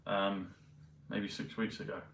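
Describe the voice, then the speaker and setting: A man vlogging in a meandering, hesitant casual monologue full of pauses and fillers. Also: on the low side, flat delivery, vocal fry, a bit bright, a little hiss or hum. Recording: roomy, mic at a distance, faint ambience.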